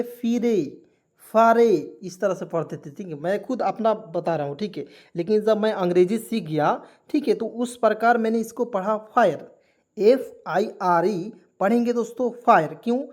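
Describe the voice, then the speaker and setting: A man's voice: high voice, a little mellow. A man teaching English spelling in an online lesson, asking his listeners rhetorical questions and checking that they follow.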